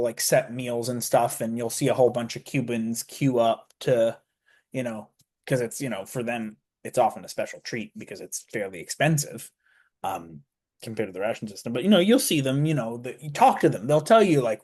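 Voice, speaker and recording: A young adult student appears as a guest on a radio interview, speaking fairly quickly in a medium-pitched, darkish male voice. He talks casually and rambles, with lots of fillers and restarts, captured on a studio mic.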